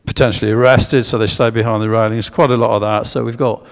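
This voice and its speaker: A man's voice: on the low side, little pitch movement, fast talker, gravelly. Man lecturing in an echoey church. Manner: hesitant, many fillers and restarts, invites audience guesses. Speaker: speaker giving a history talk. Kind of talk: public lecture with slides. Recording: long echo of a church hall.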